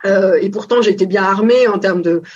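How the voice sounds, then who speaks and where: A woman's voice: mid-range voice, normal speed, darkish tone, breathy edge. A woman in her forties, a business founder, talking through her experience in a casual interview, thoughtful and hesitant with many fillers. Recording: dull lo-fi sound.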